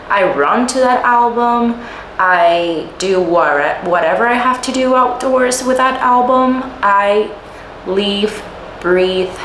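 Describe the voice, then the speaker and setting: A young woman from Puerto Rico giving a chatty life-update vlog, animated, often laughing and full of "like" fillers. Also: mid-range voice. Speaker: vlogger. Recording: roomy echo, faint room noise.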